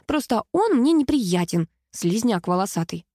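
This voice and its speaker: A woman reading aloud, voicing a blunt, sarcastic teenage girl with a mocking, higher voice. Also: big pitch swings, normal speed, mellow, no echo, clean studio sound. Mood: scornful. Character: sharp-tongued sarcastic teenage girl Ksenia.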